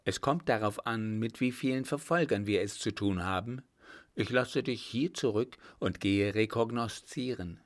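A man's voice: lowish voice, moderate pace, lightly acted. A man reading an audiobook, voicing a resolute young cavalry lieutenant who speaks firmly and gives orders. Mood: reassuring. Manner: firm, commanding, reassuring.

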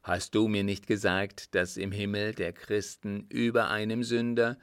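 A man's voice: lowish voice, flat delivery, measured pace, clean tone, no echo, clean studio sound. A man reading aloud, voicing a frightened young son who pleads urgently with his dying father. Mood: pleading.

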